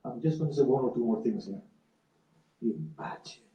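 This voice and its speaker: A man giving a sermon, speaking in a measured, slow and emphatic way and telling a story. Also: mid-range voice, lo-fi sound. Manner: measured, slow emphatic delivery with rising passion in quotes. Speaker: religious speaker. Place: community centre hall. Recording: roomy hall from far off.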